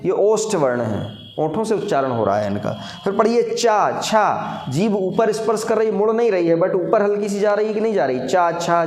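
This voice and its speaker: A male teacher giving a classroom lecture, explaining step by step, asking questions and answering them himself, and sounding out syllables slowly. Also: sits high, a little mellow. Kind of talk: classroom lecture for exam students. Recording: echoey room.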